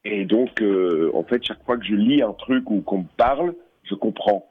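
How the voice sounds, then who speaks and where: Husky man rambling over a phone line. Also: on the low side, expressive, normal speed. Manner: distracted, hesitant, commenting on what he sees in the game. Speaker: radio caller playing an in-game character. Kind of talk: in-character phone chat.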